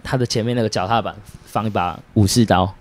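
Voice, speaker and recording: A man, a podcast guest telling stories in a brash, animated way and swearing often. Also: fairly low pitch, quick pace. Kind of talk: casual storytelling.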